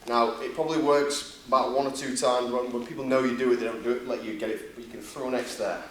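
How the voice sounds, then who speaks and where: A man with a Yorkshire accent coaching a martial arts seminar, talking through demonstrations step by step in an informal, blokey way with quick checking questions. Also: mid-range voice, fairly even intonation. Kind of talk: hands-on demonstration teaching with casual banter. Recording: echoey room, distant mic, faint noise.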